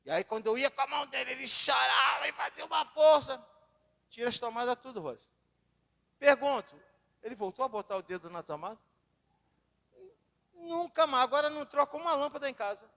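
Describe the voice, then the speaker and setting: A man's voice: very high-pitched, lively intonation, a little fast, pauses often, fairly bright tone. A man preaching a sermon, telling personal stories with dramatic swings in his voice, recorded in a church hall. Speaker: pastor. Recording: long reverb of a church hall.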